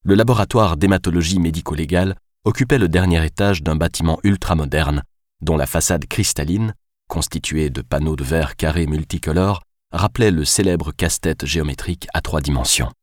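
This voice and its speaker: Deep dry-voiced guy reading a novel aloud, measured and even. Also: no echo. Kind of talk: audiobook narration.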